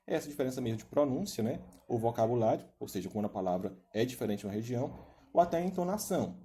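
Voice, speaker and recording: A man with a very dark, mellow voice teaches a recorded video lesson. He explains things step by step, often tagging his phrases with a quick question to the class. His tone stays steady and instructive. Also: mid-range voice. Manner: explanatory, frequent "né?" tags.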